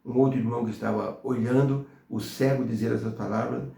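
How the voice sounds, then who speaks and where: Gravelly Brazilian man teaching a Bible lesson. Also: medium pitch, fairly even intonation, a little fast, dark tone, roomy sound. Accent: Brazilian Portuguese. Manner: storytelling with anecdotes. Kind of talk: devotional Bible study talk.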